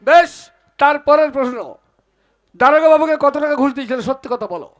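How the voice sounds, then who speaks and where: Hero role for a man: a wronged young man out of jail, fast, high, declamatory accuser in a folk stage play. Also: fairly bright tone, faint music behind. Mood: accusing.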